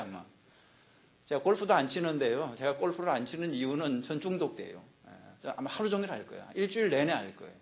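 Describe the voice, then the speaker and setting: A male pastor preaching a sermon, telling jokes and personal anecdotes and speaking directly to his congregation. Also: on the high side.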